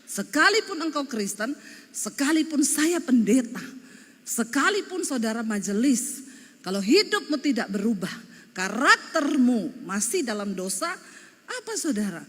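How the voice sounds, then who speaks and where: A woman pastor from Sulawesi with a Sulawesi Indonesian accent, preaching an animated, joking sermon. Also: on the high side, measured pace, slightly rough, in a large hall. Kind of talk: humorous sermon.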